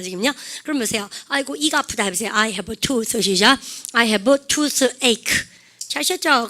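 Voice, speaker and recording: A woman's voice: on the high side, fairly bright tone. A woman teaching English vocabulary, prompting students to repeat phrases and joking along the way. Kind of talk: lively online English lesson with call-and-repeat drills.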